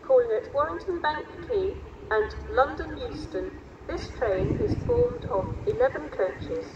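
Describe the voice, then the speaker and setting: Woman, station loudspeaker announcement, automated platform announcer, formal and measured, muffled sound, loud train noise. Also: sits high, sing-song. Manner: measured, evenly paced announcing. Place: outdoor railway platform.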